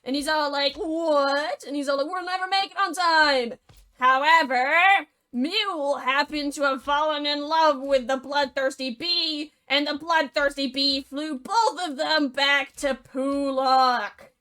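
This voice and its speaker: A woman's voice: sits high, fairly even intonation, a little slow, bright, forceful tone. A woman narrating a comic story retelling in a casual, slangy way.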